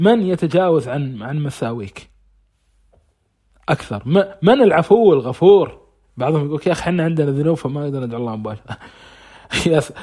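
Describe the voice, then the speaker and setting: Fast, husky religious teacher. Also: male voice, fairly high pitch, a little mellow. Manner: fires rhetorical questions and answers them himself; recites scripture between conversational explanation. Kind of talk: informal religious lesson on Quran verses.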